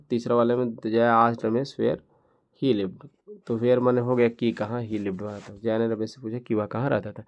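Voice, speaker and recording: A man teaching an English grammar lesson, explaining each step while reading out English example sentences. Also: mid-range voice. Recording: dull lo-fi recording.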